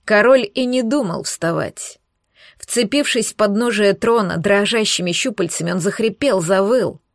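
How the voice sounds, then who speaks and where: A woman narrates a fantasy audiobook in the first person, with a lively and dramatic delivery. Her voice sits at a mid pitch. The recording is close and dry, with no room echo. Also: moderate pace, gravelly.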